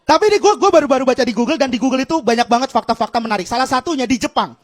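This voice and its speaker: Male stand-up comedian, very high voice, Jakarta accent, escalating rant, exclamatory, acts out dialogue. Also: lively intonation, rapid-fire. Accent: Jakarta Indonesian.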